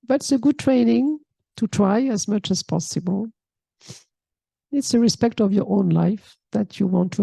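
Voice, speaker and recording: A woman gives an unhurried spiritual talk as a yoga teacher, with a gravelly, mellow voice. She explains a text calmly and reflectively, pausing on a soft questioning hmm. The sound is close and dry, with no room echo. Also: mid-range voice. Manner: calm, reflective, often checks in with a soft hmm.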